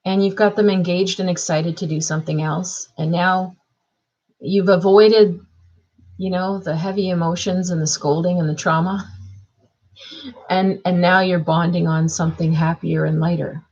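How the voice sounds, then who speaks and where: A woman's voice: on the low side, fairly even intonation, normal speed, a little mellow, highs cut off. A woman astrologer talking through a chart reading in a casual, thinking-aloud way, with fillers and restarts.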